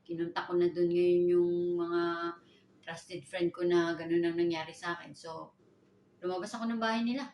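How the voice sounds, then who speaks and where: A woman's voice: normal speed, pauses often, echoey room, far from the mic, rough recording. A woman with a Filipino accent, telling a story from her own life and raising her voice when she quotes people. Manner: animated retelling, raising pitch for quoted lines. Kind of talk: personal storytelling.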